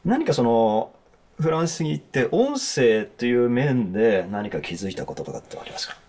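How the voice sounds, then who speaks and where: A man's voice: medium pitch, very animated, normal speed, a little mellow. A man hosting a radio interview, asking polite questions and giving brief acknowledgements. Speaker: radio host. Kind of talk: interview host.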